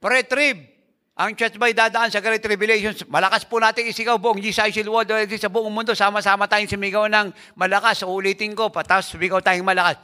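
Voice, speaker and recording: A man's voice: high voice, flat delivery, brisk, hardly any pauses, sharp tone. A male pastor preaching a sermon emphatically, asking the congregation rhetorical questions and mixing in English phrases.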